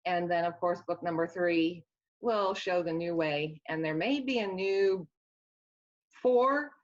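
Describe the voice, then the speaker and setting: A woman's voice: fairly low pitch, slow pace. A woman with a Midwestern accent, an author talking earnestly about her work in a casual interview, rambling a little with restarts. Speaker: author guest. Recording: dull lo-fi sound.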